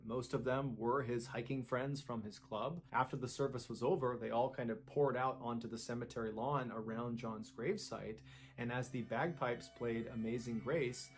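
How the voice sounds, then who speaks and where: A man hosting an online channel, telling a true story with animated, dramatic emphasis. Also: mid-range voice, a little hiss or hum. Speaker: storyteller host. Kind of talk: true-story narration to camera.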